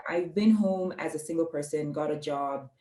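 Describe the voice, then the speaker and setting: This guest, a Swahili-speaking woman from Kenya and the parent of a small child, has a low, dark-toned voice. Chatting casually, she sounds reflective and fills frequent pauses with ums.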